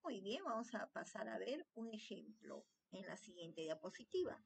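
A woman teacher giving a slow, patient slide lesson to children, often checking in with the class. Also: mid-range voice, very animated, gravelly, husky.

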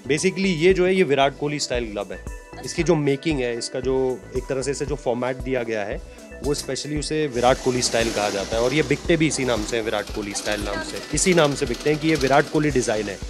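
A man's voice: medium pitch, brisk, music in the background. A man in his thirties hosting a video, explaining things at length with many restarts while holding a handheld mic in a workshop courtyard. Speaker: video host. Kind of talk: explanatory walk-through interview.

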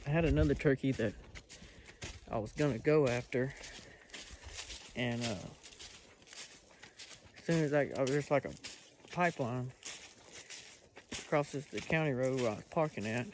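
A man's voice: mid-range voice, unhurried, pauses often, darkish tone, a little hiss or hum. A man talking casually to his own camera outdoors, rambling with many fillers and restarts as he explains things. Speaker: hunting vlogger. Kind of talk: casual self-filmed vlog talk. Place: outdoors on rural land. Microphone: self-filmed camera.

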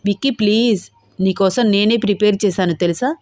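A young wife in her twenties, pleading and coaxing with a pouty sweetness, as a woman acts her out. Her pitch sits in the middle. The sound is dry and close to the mic. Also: a little fast, a little mellow, no room sound, natural voice. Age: 20s.

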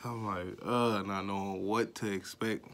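A young man vlogging, telling a personal story in a loose, profane, filler-heavy way. His voice climbs higher and louder when he gets worked up. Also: fairly even intonation, measured pace, slight background noise.

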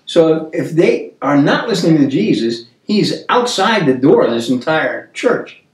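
A man's voice: fairly high pitch, big pitch swings, recorded from a distance. Older man in his 70s, earnest Bible-study host, tells stories with restarts; roomy, off-mic sound. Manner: earnest, storytelling, halting restarts. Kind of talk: casual Bible discussion. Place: dining room table, indoors.

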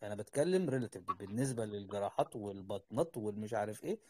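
A crowd can be heard behind this doctor as he hosts an online voice call, racing through casual, expressive advice for junior colleagues. His Egyptian Arabic-accented voice is fairly low, and he rambles, repeating his words.

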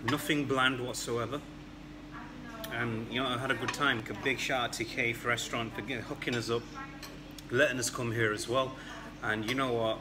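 A man's voice: medium pitch, fairly even intonation, normal speed. A man in his thirties hosting a casual food review at a restaurant table, chatty and enthusiastic. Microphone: camera on table. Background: loud background music.

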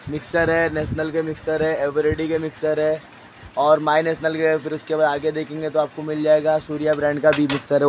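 A man showing stock in a crowded wholesale storeroom, briskly listing items and prices and telling a helper what to hold up. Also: fairly high pitch, very noisy. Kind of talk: walk-through product showcase.

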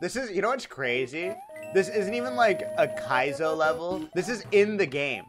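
A man's voice: high-pitched, expressive, moderate pace. A young man live-streaming a platform game, chatting casually with his viewers, joking, laughing and venting his frustration. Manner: laughing, exasperated, joking with chat. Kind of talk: casual live-stream chat while gaming. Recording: game music playing under the voice. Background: loud video game music.

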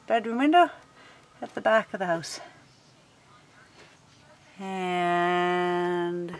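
A woman filming a casual walkthrough of her house under renovation, pointing things out room by room in a relaxed way. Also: fairly low pitch, a little hiss or hum, low-quality recording. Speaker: homeowner giving a house tour. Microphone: handheld camera, filming while walking.

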